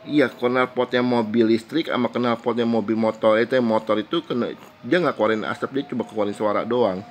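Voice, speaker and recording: A man's voice: medium pitch, steady tone, slight background noise. A man vlogging casually to his viewers with a stuffy, congested nose from a cold, chatty and repeating himself. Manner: chatty, repeats himself, slow deliberate counting. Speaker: YouTube vlogger. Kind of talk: casual monologue to camera.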